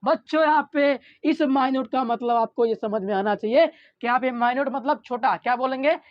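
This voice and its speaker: A male teacher giving an online grammar lesson. He keeps asking rhetorical questions, answers them himself, and reads example sentences out slowly. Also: extremely high pitch, dry recording. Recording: dull lo-fi recording.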